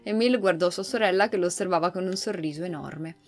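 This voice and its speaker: A woman hosting a gaming channel, reading a game's story aloud in an expressive storytelling manner. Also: fairly low pitch, brisk, soft background music.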